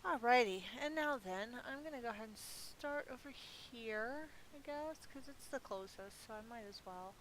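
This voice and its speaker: Chatty and self-amused, a middle-aged woman hosting a gaming video gives rambling, casual gameplay commentary as though thinking aloud. Her voice is fairly high, a bit bright, and animated, moving at normal speed with hardly any pauses. The recording is rough, with clearly audible background hiss.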